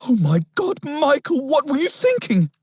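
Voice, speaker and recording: A man voicing a frantic high mother. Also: huge pitch swings, measured pace, no room sound, exaggerated voice. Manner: frantic, pleading. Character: frightened mother, middle-aged woman. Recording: slightly muffled, dry.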